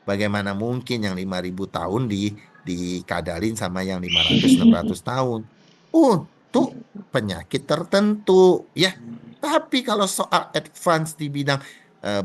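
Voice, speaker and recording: A middle-aged man giving a classroom lecture, animated, often asking the class rhetorical questions and acting out little dialogues. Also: unhurried. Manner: acts out dialogue with pitch jumps.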